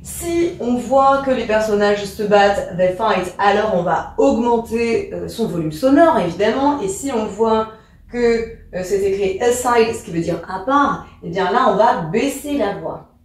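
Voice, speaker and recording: Woman teacher, patient step-by-step explanations, mid-pitched, very echoey room. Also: unhurried, far from the mic. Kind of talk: explanatory lesson.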